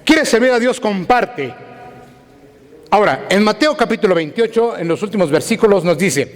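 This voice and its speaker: A pastor preaches a sermon, driving home each point with repeated rhetorical questions. His voice sits a little high for a man. It rings with the long reverb of a large church hall. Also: animated, moderate pace.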